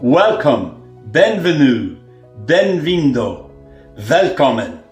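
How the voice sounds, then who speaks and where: Sixty-year-old man, higher voice, echoey. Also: very animated, drawn-out words, soft background music. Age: 60s. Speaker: contest candidate. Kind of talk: prepared self-introduction. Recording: echoey room.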